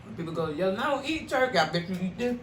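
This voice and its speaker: A man's voice: high voice, big pitch swings, fast, a bit bright. A man in casual mukbang chat, talking as he chews his food. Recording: echoey, noisy, distant mic.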